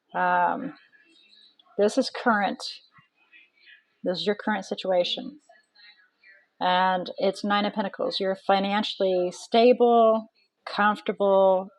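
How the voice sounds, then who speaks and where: A woman with a lowish voice reads tarot cards aloud, casual and chatty, thinking out loud with lots of ums and restarts. The recording is low quality but has no echo.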